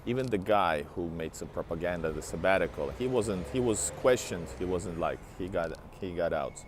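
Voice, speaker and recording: A tired-sounding travel vlogger in his thirties, from Latvia and Finland, live-streams on foot along a city street beside a large building, using a wired earbud headset with his phone at arm's length. He rambles casually, restarting often and answering chat. His low voice is animated and moderately paced, with background noise.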